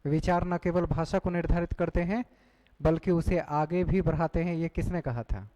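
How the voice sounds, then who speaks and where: High-voiced male teacher quizzing his class. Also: normal speed, warm tone, poor audio. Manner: questioning the class, repeating key points. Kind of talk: exam-prep class lecture.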